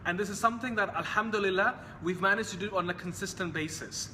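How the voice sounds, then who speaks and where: Earnest high-voiced young man, echoey room. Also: fast talker, sharp tone, a little hiss or hum. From Hong Kong. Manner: earnest, repetitive, sprinkled with religious phrases. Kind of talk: casual talk to camera.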